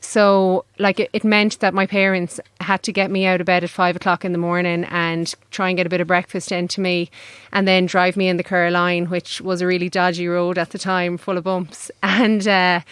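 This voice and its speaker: A woman's voice: on the low side, fairly bright tone, clear, resonant tone, dry recording. A woman with a west of Ireland accent, chatting casually as an interview guest. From Galway, west of Ireland. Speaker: interview guest, endurance swimmer. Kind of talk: casual chat.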